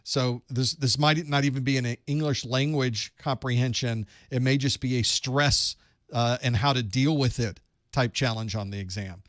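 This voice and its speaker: A man hosts a live call-in certification study group, giving advice conversationally and thinking aloud. His medium-pitched voice is steady at a normal pace, recorded in studio quality without echo.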